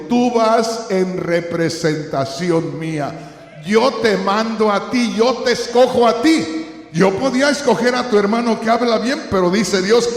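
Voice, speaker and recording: A man delivers a sermon, asking his listeners question after question. His voice sits high and his delivery is slow and deliberate. The sound rings out in a large, echoing hall. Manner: preaching with rhetorical questions to the congregation. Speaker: pastor. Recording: echoey hall.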